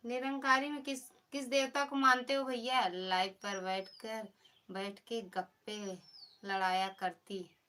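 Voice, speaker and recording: A woman's voice: a little high, little pitch movement, slow, sharp tone. A woman with an Awadhi accent, hosting a casual live stream and chatting teasingly with her viewers. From Pratapgarh, Uttar Pradesh.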